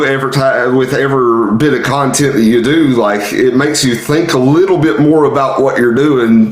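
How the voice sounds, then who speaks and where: A man chatting casually as a podcast co-host, conversational and reassuring in how he talks. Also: mid-range voice. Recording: roomy, echoey sound.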